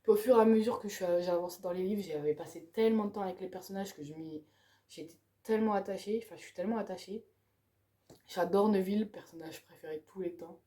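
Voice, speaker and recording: Talking quickly in a warm, medium-pitched voice, a woman gushes in a chatty way about her stack of books to read. This book vlogger tends to finish her phrases with "quoi."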